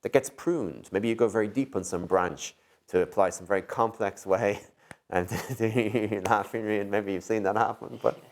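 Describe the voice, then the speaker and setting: In casual interview answers, a tech executive with a lowish voice speaks at a moderate pace, thinking out loud with animation and frequent "you know"s and "like"s.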